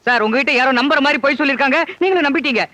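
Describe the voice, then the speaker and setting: Frantic henpecked clerk: bright, rapid-fire, whiny. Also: male voice, very high voice, dry recording. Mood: protesting. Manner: whiny, panicky wailing. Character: henpecked, flustered male office clerk. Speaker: office clerk. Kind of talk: film comedy acting.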